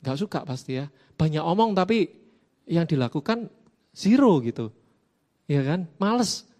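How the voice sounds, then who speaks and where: A man preaching a casual youth sermon in a church, lively and full of questions to the audience. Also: on the high side, normal speed. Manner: lively, asks the audience questions, playful asides. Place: church hall.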